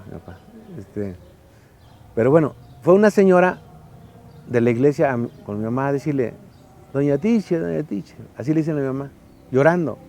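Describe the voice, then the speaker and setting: The interviewee, a Mexican architect in his sixties who once directed a faculty, tells colloquial anecdotes with a Mexican accent and lots of tag questions. His voice is medium-pitched with a darkish tone, and the talk is casual storytelling.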